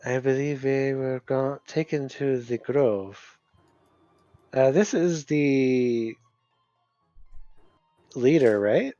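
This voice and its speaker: A man playing a tabletop role-playing game, phrasing things haltingly and deliberately, in and out of character. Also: mid-range voice, warm tone, no room sound, dull audio. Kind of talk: casual game play, speaking in and out of character. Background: music.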